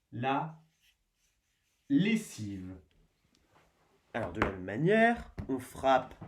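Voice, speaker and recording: Male primary teacher, unhurried, deliberate, sounds out each syllable for kids. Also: mid-range voice, a little mellow. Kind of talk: spelling lesson for young children.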